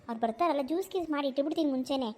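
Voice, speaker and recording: A woman's voice: high-pitched, racing, mellow, pitched below the performer's own voice, close to an everyday voice. A woman voicing an anxious village mother who coaxes her daughter in a cartoon. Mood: coaxing. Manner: coaxing, scolding. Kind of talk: cartoon voice acting.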